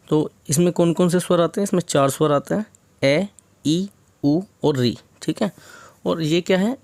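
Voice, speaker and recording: A young man teaches an exam-prep grammar lesson with a slightly raised pitch. He breaks each point into small steps, sprinkles in English words and keeps checking in with the listener. The recording is dry, with no room sound. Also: darkish tone, dry recording. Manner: explains step by step, often says "theek hai"; mixes English words into Hindi.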